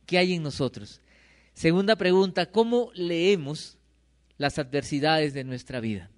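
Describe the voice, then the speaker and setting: Middle-aged pastor, man, mid-high voice, preaching with questions to the pews. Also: measured pace, in a large hall. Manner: questions the congregation and answers himself. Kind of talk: sermon. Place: church hall.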